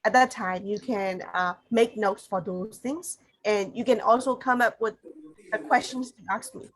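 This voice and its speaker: A woman's voice: mid-range voice, moderate pace. Woman teacher, online class, patient, repeats instructions, mid-range voice. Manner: patient, repeats key points. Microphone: video call.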